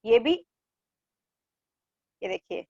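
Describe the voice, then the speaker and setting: A woman teacher giving an online class to young children, drawing out syllables slowly and repeating each word twice for them to copy. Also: dark tone, no room sound, lo-fi sound. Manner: coaxing, repeats words in pairs. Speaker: primary school teacher. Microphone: online class from home.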